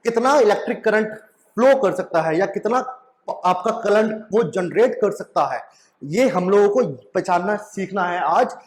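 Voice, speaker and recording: A young man giving a chemistry lecture to students, repeating his questions back to them and often asking "right?". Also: sits high. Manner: mixes in English phrases. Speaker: chemistry teacher. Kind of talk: classroom lecture at a whiteboard.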